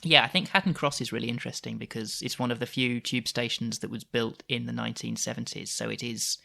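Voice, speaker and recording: A man's voice: medium pitch, steady tone, fast, gravelly, sharp tone. A man co-hosting a casual podcast, reading station facts in an announcer voice. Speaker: podcast co-host.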